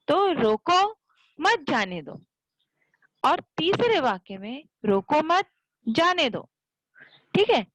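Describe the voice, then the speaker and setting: A woman's voice: fairly high pitch, dry recording, poor audio. A woman teaching a school grammar lesson, patiently explaining step by step with examples.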